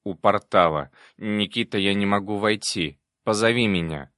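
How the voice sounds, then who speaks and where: A man voicing a cheerful, chatty little male demon who talks briskly. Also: lowish voice, fairly bright tone, dry recording, clean studio sound, close to an everyday voice.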